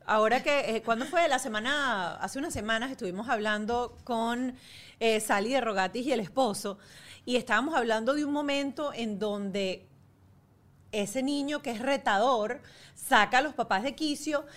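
A woman's voice: a little high, normal speed, a bit bright. A woman hosting a parenting interview show, asking thoughtful follow-up questions in a casual tone. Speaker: host.

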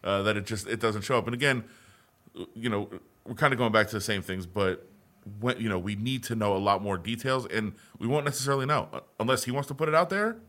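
A man co-hosts a casual sports podcast. His voice sits on the low side, and he talks in loose, conversational runs, often restarting his sentences. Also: quick pace, fairly bright tone. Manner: conversational, with frequent restarts and fillers. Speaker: podcast co-host.

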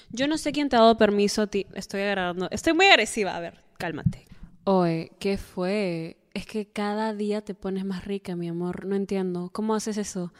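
A woman hosting a podcast in a casual chat, playful and showering the listener with flattering pep talk. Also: medium pitch. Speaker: podcast host. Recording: long reverb.

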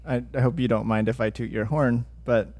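A man's voice: medium pitch, steady tone, fairly quick, darkish tone, slightly rough. A man hosting a casual podcast, talking in a rambling way full of fillers and restarts. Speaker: podcast host.

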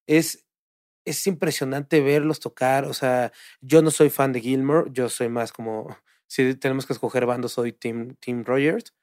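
A man with a Mexican accent in casual podcast chat, animated and swearing freely. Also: medium pitch, measured pace, no room sound, studio quality. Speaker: podcast co-host.

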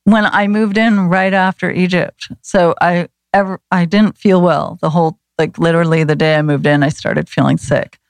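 A woman's voice: on the low side, fairly even intonation, moderate pace, few pauses, no echo. A woman who grew up in Los Angeles, a guest chatting casually, rambling with many fillers and restarts. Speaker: guest, flower remedy practitioner. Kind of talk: casual conversation.

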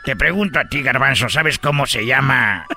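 A man voicing a joking Chinese character in a radio comedy sketch, breaking into sudden high shouts. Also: moderate pace, creaky, faint music behind.

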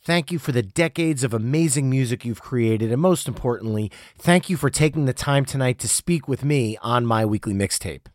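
A man's voice: medium pitch, normal speed, hardly any pauses, darkish tone, dry recording, clean studio sound. A man hosting an interview podcast, asking polished, earnest questions. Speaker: podcast host.

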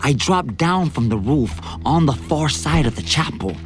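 Expressive male first-person narrator. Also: a little high, normal speed, music in the background. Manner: vivid, expressive storytelling. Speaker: narrator and lead actor.

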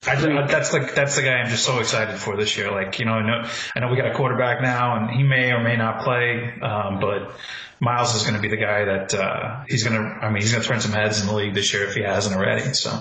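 A man co-hosting a casual sports podcast, easygoing and quick to chime in with agreement. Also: on the low side, steady tone, pushed and bright. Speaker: podcast co-host. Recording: echoey room.

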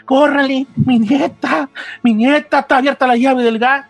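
A man's voice: extremely high pitch, level tone, normal speed, a bit bright, no echo, pitched above the performer's own voice. A man voicing a desperate old man's ghost who pleads and repeats himself. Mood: frantic pleading.

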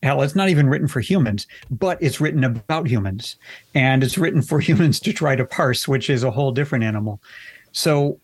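A man's voice: mid-range voice, no echo. Candid, wry man in dry interview. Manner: candid and wry, with frequent restarts and fillers. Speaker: accessibility expert guest. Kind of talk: conversational interview answers.

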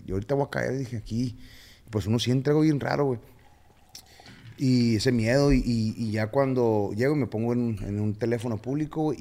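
A man with a Mexican accent, a podcast guest telling his story in casual slang with halting fillers. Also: lowish voice, mellow.

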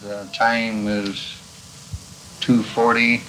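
Middle-aged male detective, lowish voice, hesitant and filler-heavy, heard on old archival interrogation tape with faint hiss. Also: flat delivery. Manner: halting, hesitant, with many fillers. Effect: old archival tape recording. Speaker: police detective interrogating a suspect. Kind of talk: police interrogation.

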